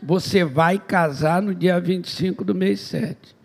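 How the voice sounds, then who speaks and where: Man doing Jesus, slow and stern. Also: sits high, vocal fry, pitched below the performer's own voice, heavily acted. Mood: solemn. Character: Jesus, calm commanding male divine voice.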